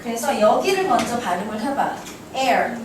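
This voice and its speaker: A woman's voice: on the high side, animated. Teasing woman teacher in an echoey room. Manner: brisk, teasing, quizzes students. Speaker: English teacher. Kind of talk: classroom lecture. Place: classroom. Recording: echoey classroom from far off, noisy.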